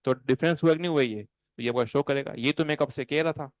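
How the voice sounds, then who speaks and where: A man teaching chemistry to a class. He talks in an animated, playful way and slows right down when he dictates notes. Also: mid-range voice. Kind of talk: classroom lecture. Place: classroom with students.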